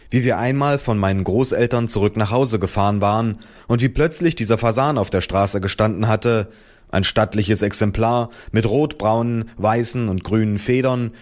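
A man reading a humorous first-person story in a dry, deadpan manner. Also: on the low side. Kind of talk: first-person audiobook narration.

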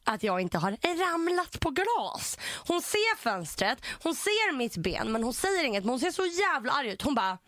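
Animated swearing woman storyteller. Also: high voice, hardly any pauses, dry recording, studio quality. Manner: animated, swears a lot, acts out dialogue. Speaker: podcast co-host. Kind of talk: casual storytelling chat.

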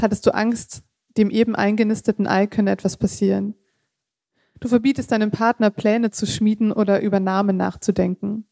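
Close-miked in a dry space without any echo, a woman reads from her own literary writing at a calm, even pace. Her voice sits in the mid-range, gravelly, warm and mellow instead of bright. Now and then she stumbles, fixes it, and tosses in an offhand remark.

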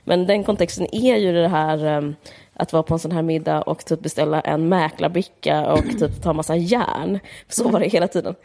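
This is a podcast co-host discussing a book in casual chat: she rambles with many fillers and speaks frankly and with a mocking edge. Her voice sits low, mellow, with vocal fry.

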